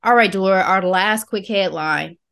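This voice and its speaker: A woman's voice: mid-range voice, moderate pace, gravelly, fairly bright tone. An American woman co-hosting a casual chat podcast, reading headlines and riffing with slang. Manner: reads headlines then riffs with slang. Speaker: podcast co-host.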